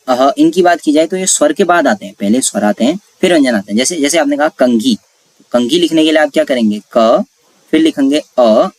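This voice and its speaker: A man's voice: fairly high pitch, no room sound. A man teaching a Hindi grammar lesson for exam preparation, explaining step by step and asking and answering his own questions. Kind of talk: exam-prep classroom lesson.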